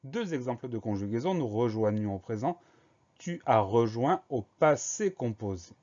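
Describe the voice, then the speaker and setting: Male teacher, mellow warm tone, methodical spelling lesson delivery, muffled recording. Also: mid-range voice, expressive, normal speed. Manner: methodical, spells words out letter by letter.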